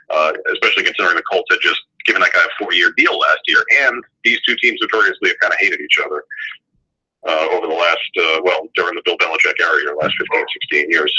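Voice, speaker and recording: A man's voice: low voice, pushed and bright, breathy edge. A man calling in over the phone as a sports reporter guest, talking casually and rambling with fillers and restarts. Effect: heard over a phone line. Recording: tinny lo-fi phone line.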